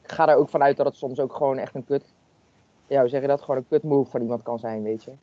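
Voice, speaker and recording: Fast-talking blunt man co-host. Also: medium pitch, steady tone, no room sound, dull audio. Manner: fast, blunt, colloquial advice. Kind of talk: casual podcast chat.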